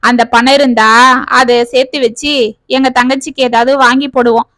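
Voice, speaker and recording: A caring young working man, voiced by a woman reading the story, speaking earnestly and a little pleadingly. The voice stays high, with a dry, close sound. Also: flat delivery, moderate pace, fairly bright tone, no room sound, close to an everyday voice.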